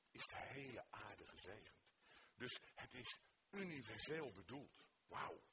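Expressive male preacher, noisy recording. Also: medium pitch. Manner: expressive, swings from hushed to emphatic. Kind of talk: sermon. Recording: noticeable background noise.

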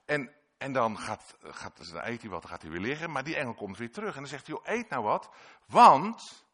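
A man's voice: mid-range voice, expressive, brisk, sharp tone. A man preaching a sermon in Dutch-language church talk, earnest and repetitive, sometimes acting out short quoted voices.

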